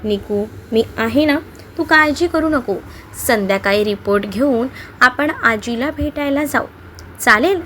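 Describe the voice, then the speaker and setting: A woman voicing a devoted young husband in a read-aloud audio story, speaking softly with pleading, soothing tones. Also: extremely high pitch, a little slow, slight background noise, exaggerated voice. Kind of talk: Marathi audio story reading.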